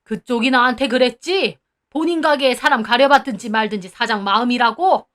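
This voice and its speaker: A stern old grandfather, as a woman narrator puts him on, scolding in slow, firm words. The voice stays fairly high, with a raised pitch. It is a storybook reading. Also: fairly bright tone, natural voice. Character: proud, angry old grandfather who owns the building.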